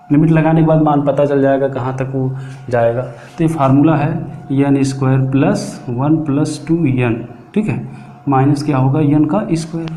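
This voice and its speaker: Male math teacher, a touch high, mellow tone, quizzing the class step by step; distant, echoey room sound. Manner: steady step-by-step explaining, quizzing the class with rhetorical questions. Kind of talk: blackboard math lesson. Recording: echoey room, voice from far off, faint noise.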